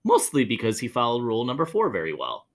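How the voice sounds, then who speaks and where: A man, likely a teacher or school staff member, hosts a picture-book read-aloud for children, telling the story expressively and dramatically. He talks fast at a medium pitch and adds chatty asides directly to his young listeners.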